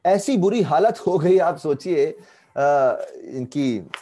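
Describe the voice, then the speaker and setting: Guy telling a devotional story on a video call, lively, slightly high, warm tone. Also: slow pace. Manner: animated, mixes English phrases in. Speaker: spiritual teacher.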